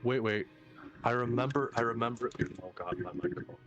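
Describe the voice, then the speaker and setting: A man's voice: mid-range voice, fairly quick, a bit bright. A man playing a tabletop game whose loose desk mic makes him sound hollow and muffled, as if inside a fishbowl; he talks in a flustered way and swears at the mic. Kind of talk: casual chat. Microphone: desk microphone knocked loose.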